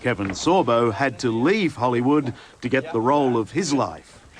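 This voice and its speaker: A male TV reporter giving brisk, scripted documentary narration and asking questions. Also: medium pitch, expressive. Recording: noisy broadcast recording.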